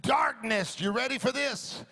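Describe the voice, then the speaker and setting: A man delivers a rousing sermon in a very high-pitched, forceful voice with a gravelly edge. He booms out biblical narration in emphatic, stretched phrases, repeating them rhythmically over background music. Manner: emphatic, drawn-out declarations with rhythmic repetition. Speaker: preacher. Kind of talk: rousing call-and-response sermon. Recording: music playing behind the preaching.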